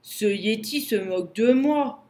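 A woman voicing a stubborn, determined young male wolf in a storybook, calling out high and loud. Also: animated, measured pace. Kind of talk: storybook reading.

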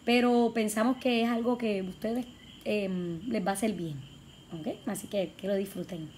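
A woman's voice: mid-range voice, fairly even intonation, moderate pace, a little mellow, slight background noise. A woman in her thirties from Puerto Rico with a Puerto Rican accent, chatting casually as a family vlog host, laughing easily. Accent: Puerto Rican Spanish.

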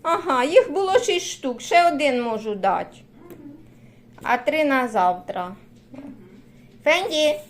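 A woman's voice: sits high, expressive, takes it slowly, long pauses, slight background noise. An older woman from Ukraine vlogging at home, chatting and cooing affectionately at her dog. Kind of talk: casual home vlog chat. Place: indoors at home, then at a neighbor's house.

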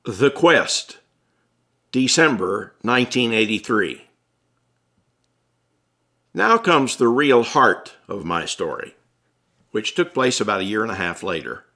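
This is a low-leaning male voice, very animated yet slow, with frequent pauses and a bright, forceful tone. He's an American from Atlanta narrating his own memoir on audiobook in a wry, conversational storytelling manner, scripted in the first person.

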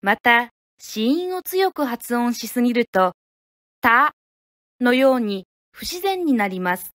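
A woman from Japan teaches pronunciation in a high, light voice, spacing her words out slowly. She models each sound carefully and deliberately. The recording is dry and close, with no room sound. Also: lively intonation, no echo. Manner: clear, deliberate, demonstrates sounds syllable by syllable.

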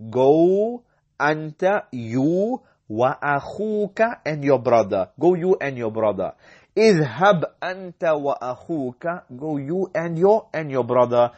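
A man's voice: fairly high pitch, lively intonation, a little mellow, dull audio. A man teaching an Arabic lesson. He reads each sentence, translates it, and explains the grammar, repeating words with care. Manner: slow, careful delivery that repeats each word. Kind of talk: language lesson.

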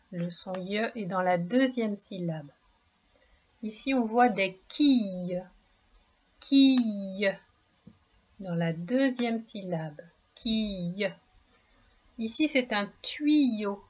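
Slow, patient woman teaching children to read. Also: mid-range voice, a little mellow, breathy edge, muffled recording. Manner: patient, encouraging, stretches out words and syllables. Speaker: primary school reading teacher. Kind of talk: slow, clearly articulated reading lesson for young children.

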